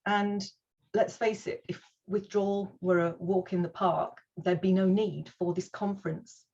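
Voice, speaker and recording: A woman's voice: mid-range voice, fairly even intonation, measured pace, a little mellow, lo-fi sound. A woman hosting an online conference over a video call, speaking in an earnest, reassuring way as she opens the day and introduces the first speaker. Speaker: conference host.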